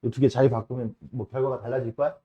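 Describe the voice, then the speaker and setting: A man teaching a math class in a casual lecture style, often checking with his students and slowing down to stress key terms. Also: medium pitch, steady tone, lo-fi sound. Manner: casual, asks students frequent checking questions.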